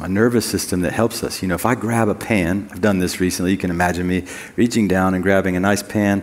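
A pastor with a low voice preaches a sermon in a conversational style, tossing in joking asides and reading scripture slowly and deliberately. The sound is that of a big room, with a little hiss or hum.

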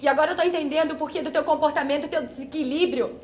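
A woman's voice: sits high, racing, lightly acted. An actress playing a betrayed young woman, spitting bitter accusations. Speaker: actress in a drama exercise. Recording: echoey room with light noise.

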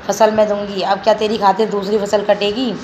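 A stern, proud old village grandmother who speaks in sharp, scolding lines, read by a woman from a textbook story. Her voice stays flat and level, with faint noise in the background. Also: mid-range voice, brisk, lightly acted, rough recording.

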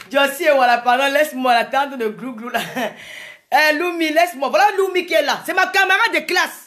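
A woman's voice: high voice, normal speed, a bit bright. A woman from Cameroon, giving an impassioned live monologue to her viewers, repeating her phrases for emphasis and greeting commenters by name. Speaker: live streamer talking to viewers.

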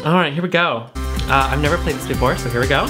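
A man's voice: on the high side, quick pace, music in the background. A man in his thirties, a sassy, campy drag queen host chatting casually and comically, a little tipsy. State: tipsy from drinking. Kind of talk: casual comedic chat while playing a game. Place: small indoor set with foil backdrop.

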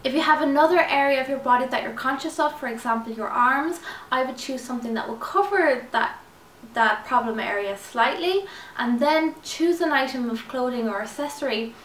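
A young fashion vlogger in her twenties speaks to camera with upbeat, casual styling tips, in a high-pitched, fairly bright voice at a normal speed. New braces give her a slight lisp. She's in a small indoor room with a clothes rail, and the echoey recording, from a slightly distant mic, carries some faint background noise.

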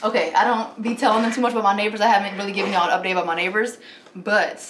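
This lifestyle vlogger, a young woman, speaks very fast at a medium pitch with little pitch movement. She's chatting animatedly and laughing a lot during a home vlog in her apartment, captured by a camera some distance away, so the audio is echoey and off-mic with background noise.

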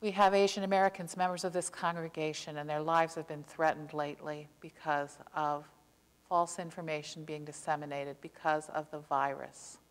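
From the pulpit, an older woman pastor with a low-leaning voice preaches with earnest passion, though her delivery is flat; she slows and stresses key words emphatically. A clip-on mic picks her up amid long sanctuary reverb.

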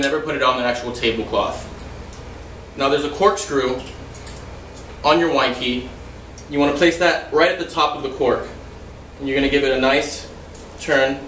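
A young man giving a steady, explanatory lesson on serving wine, demonstrating in a home dining room while a camera records him from a distance. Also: fairly high pitch, a little hiss or hum. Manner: steady explanatory delivery, some loose asides. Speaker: restaurant server trainer. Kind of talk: instructional demonstration. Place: dining room in a house, indoors. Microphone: far camera, no visible mic. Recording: roomy echo, mic far off.

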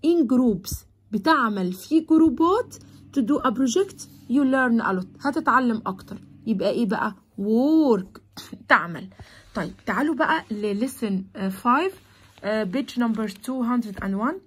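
Breathy, high-voiced Egyptian woman teaching English. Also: expressive. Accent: Egyptian Arabic. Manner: switches between Arabic explanation and slow, drawn-out English words. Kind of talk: explaining a primary school English lesson.

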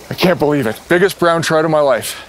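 A man's voice: on the high side, a little hiss or hum. A man hosting a fishing show outdoors on a river, exclaiming, laughing and giving casting tips as he fishes. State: out of breath at times. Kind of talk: excited on-the-water fishing commentary.

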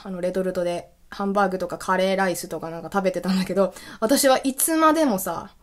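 A woman hosting a casual solo radio talk, telling stories in an animated way and laughing often. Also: medium pitch. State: recovering from illness. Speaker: podcast host.

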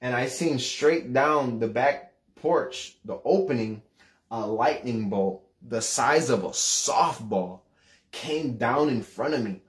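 An earnest man in his thirties tells a personal religious testimony in a mid-pitched voice. He talks fervently, repeating words and restarting as the story builds. His voice climbs sharply when he relives the moment. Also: slow. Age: 30s. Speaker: preacher sharing testimony.

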